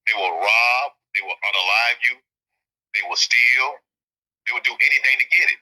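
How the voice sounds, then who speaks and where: A prison inmate with an Alabama Southern accent answers interview questions over a phone line, candid and emphatic. His medium-pitched voice has a sharp tone and normal speed, and he often repeats himself for stress.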